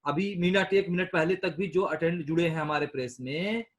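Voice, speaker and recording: A man with a notably high voice runs an online staff meeting, walking listeners through the rules step by step. He is patient and repeats key points so that everyone can follow. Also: moderate pace. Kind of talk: instructing over a call.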